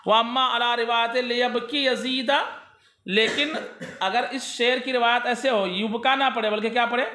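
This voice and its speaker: Bright, high-voiced male grammar teacher. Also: fairly even intonation, normal speed, reverberant, a little hiss or hum. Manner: asks students questions and answers them himself. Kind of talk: classroom lesson explaining a text.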